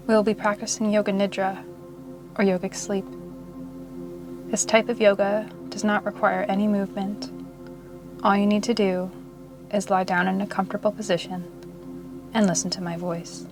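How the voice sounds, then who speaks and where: Narrating a guided meditation as a yoga nidra guide, a woman speaks at medium pitch in an even tone over music. Her delivery is slow, soothing and measured, with long pauses.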